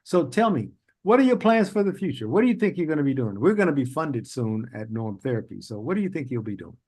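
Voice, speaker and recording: Fast and darkish in tone, this podcast host's mid-range voice swings widely in pitch. He keeps the interview relaxed and chatty, wandering into long stories with lots of laughter.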